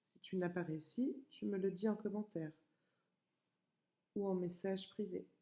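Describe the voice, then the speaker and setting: A woman's voice: medium pitch, steady tone, moderate pace, a little mellow, roomy sound. A woman teacher with a French accent giving a patient, step-by-step writing lesson to young children, spelling out sounds and syllables. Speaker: kindergarten teacher.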